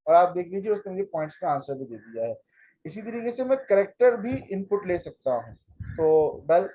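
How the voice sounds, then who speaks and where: Man, high mellow voice, patient step-by-step coding teacher. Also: rough recording. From Pakistan. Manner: explains step by step, mixing in English phrases. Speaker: computer teacher. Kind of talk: classroom lecture with live coding.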